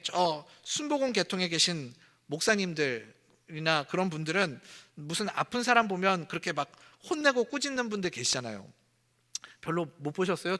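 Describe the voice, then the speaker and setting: A man pastor preaches a sermon in a conversational style, now and then acting out the lines he quotes. His voice sits high and sounds bright and forceful. A long reverb from the church sanctuary trails behind his words.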